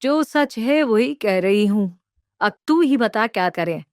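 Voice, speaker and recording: A woman plays a greedy cartoon mother-in-law who nags and bosses her daughter-in-law around. Her voice is smooth and clear, recorded dry and close with no room sound. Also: medium pitch, animated, slow pace, no room sound. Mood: demanding. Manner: bossy, nagging, demanding. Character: greedy scheming middle-aged mother-in-law. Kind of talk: cartoon voice acting.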